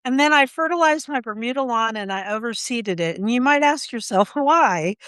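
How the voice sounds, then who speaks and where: A woman from Oklahoma co-hosting a gardening podcast, chatting casually and telling quick stories with asides. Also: fairly high pitch, fairly bright tone, clear, resonant tone, no echo. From Oklahoma, USA. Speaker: podcast co-host. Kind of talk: casual chat.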